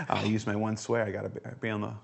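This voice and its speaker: A man's voice: on the low side, gravelly, breathy edge. A man hosting a casual panel chat, talking in a chatty way that stammers and repeats words. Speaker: livestream host.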